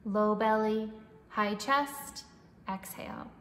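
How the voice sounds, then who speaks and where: A woman leading a guided breathwork meditation in a soothing, instructing manner, with long pauses and audible breathing and sighs. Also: mid-range voice, steady tone, pushed and bright. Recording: echoey reverberant room, faint background noise.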